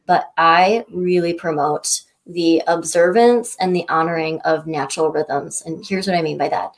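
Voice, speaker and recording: A woman's voice: low voice, normal speed. Thoughtful woman coach giving advice. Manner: thoughtful, searching for words, with many ums. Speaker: burnout coach, guest. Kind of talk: interview answers, advice.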